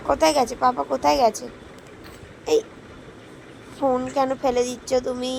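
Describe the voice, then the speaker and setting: A hoarse woman with a cough, a mother talking baby talk to her little son, gently teasing and scolding him with repeated questions. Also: high-pitched, little pitch movement, slight background noise. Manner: slow, sing-song questions to a baby.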